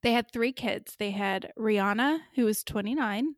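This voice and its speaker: A woman's voice: a little high, normal speed, no room sound, studio quality. Chatty woman podcast host telling a story. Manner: chatty, laughing, enunciates carefully. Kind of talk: casual storytelling chat.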